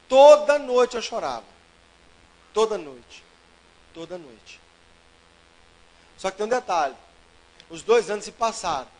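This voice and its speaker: High-voiced preacher telling stories. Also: male voice, rough recording. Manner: storytelling, lively swings from loud to hushed. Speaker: pastor. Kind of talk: sermon.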